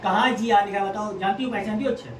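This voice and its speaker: A woman's voice: medium pitch, fairly even intonation, quick pace. A woman tutoring a child at home, stern and impatient, repeating orders and spelling letters aloud. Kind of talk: scolding a child over reading. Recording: echoey room, far from mic, faint noise.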